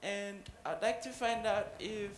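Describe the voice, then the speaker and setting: A man from Zambia asking a panel a slow, hesitant question. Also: sits high, echoey room, slight background noise. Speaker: audience participant.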